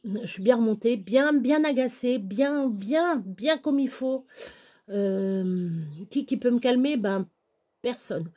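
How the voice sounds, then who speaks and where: A middle-aged vlogger chats casually to camera from home, rambling from one grievance to the next with an exasperated edge. Her voice sits a little high yet has a dark tone, and she speaks slowly while drifting around the room.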